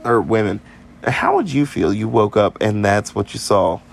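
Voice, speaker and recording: A man's voice: on the low side, animated, moderate pace, gravelly, a little hiss or hum. A man co-hosting a podcast, casually retelling a ghost story and slipping into silly voices for the people in it. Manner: playful, drops into silly voices for quoted people. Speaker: podcast co-host.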